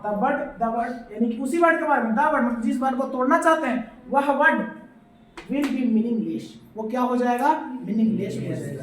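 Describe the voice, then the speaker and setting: A woman teaching a classroom grammar lesson, mixing Hindi and English, asking her class questions and repeating the answers. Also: on the high side. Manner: mixes Hindi and English phrases; scolds noisy students. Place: classroom with students. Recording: echoey room, voice from far off.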